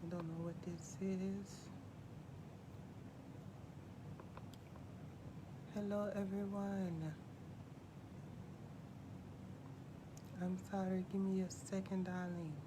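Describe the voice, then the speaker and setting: A woman playing a sassy, glamorous TV psychic who hosts a live call-in stream in a campy, drawn-out manner. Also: mid-range voice, level tone, close to an everyday voice. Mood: flustered greeting. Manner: campy, drawn-out, calls everyone darling. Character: sassy glamorous female TV psychic hotline host. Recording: noisy live stream audio.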